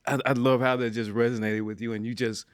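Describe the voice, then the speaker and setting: A man hosting a podcast, earnest and reflective, quick to laugh with his guest. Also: medium pitch, flat delivery, no room sound, clean studio sound. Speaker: podcast host. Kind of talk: reflective interview chat.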